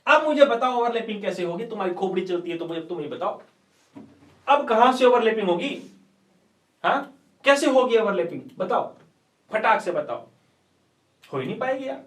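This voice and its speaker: High-voiced playful male teacher. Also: animated, moderate pace, pauses often. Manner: playful, coaxing, quizzes students with rhetorical questions; calls students "beta ji", uses folksy sayings. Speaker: chemistry teacher. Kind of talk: online class lecture. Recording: echoey room, distant mic.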